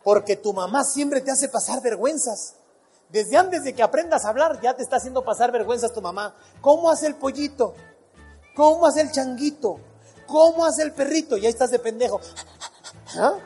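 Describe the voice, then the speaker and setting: A man's voice: very high-pitched, slightly rough. A man with a Mexican accent doing adult stand-up comedy, telling crude stories full of swearing. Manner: crude, swearing, rapid storytelling.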